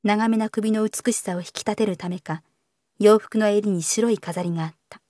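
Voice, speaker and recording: A woman narrating a novel in a calm, measured audiobook reading. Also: medium pitch, no echo, studio quality.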